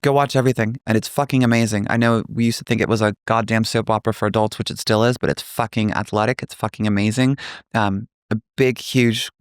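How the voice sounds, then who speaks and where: A man's voice: lowish voice, steady tone, fast talker, clear, resonant tone, dry recording, clean studio sound. A man hosting a casual podcast, talking bluntly and emphatically with plenty of swearing. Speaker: podcast host.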